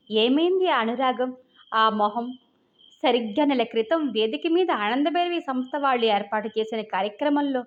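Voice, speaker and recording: A woman reading a novel aloud as a storyteller, in a steady voice. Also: high voice. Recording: dull lo-fi recording.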